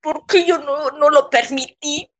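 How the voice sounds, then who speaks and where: A woman recounting a personal ordeal in an interview, in a shaken, halting way with frequent pauses. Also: sits high, steady tone, fairly bright tone. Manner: halting, shaken, pausing often. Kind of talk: emotional personal testimony.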